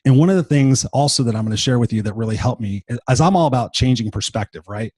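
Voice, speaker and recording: Blunt, husky-voiced motivational man in his fifties. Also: mid-range voice, fast, a little mellow, dry recording. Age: 50s. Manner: blunt, profane, emphatic. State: tired and unwell. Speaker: motivational podcast host. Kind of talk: unscripted motivational monologue.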